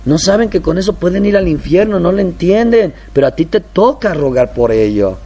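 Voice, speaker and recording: A man preaching a sermon as a pastor, now and then putting on a high, mocking voice to play his church members. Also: expressive, a little fast, creaky, dark tone, slight background noise. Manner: acts out congregants in a high mocking voice.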